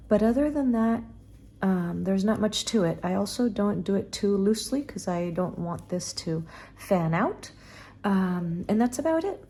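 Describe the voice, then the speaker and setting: A woman's voice: mid-range voice, dark tone. A woman giving a casual knitting tutorial, talking while she works and counting stitches under her breath.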